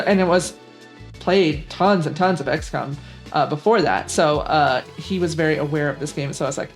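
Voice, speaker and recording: A young woman hosting a gaming channel, chatting casually and rambling with lots of fillers about games she likes. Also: mid-range voice. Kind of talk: casual gaming vlog commentary.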